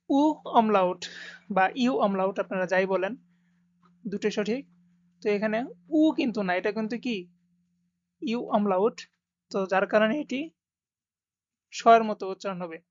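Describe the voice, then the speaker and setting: A woman teaching a pronunciation lesson, saying each word slowly and repeating it for learners to copy. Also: mid-range voice, no room sound. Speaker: German language teacher. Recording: dull lo-fi sound, dry.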